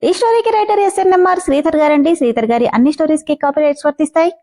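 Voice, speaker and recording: A woman's voice: high-pitched, racing, mellow. A woman hosting a story channel, greeting listeners and reading a serialized story aloud. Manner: friendly direct address to listeners. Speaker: story narrator and channel host.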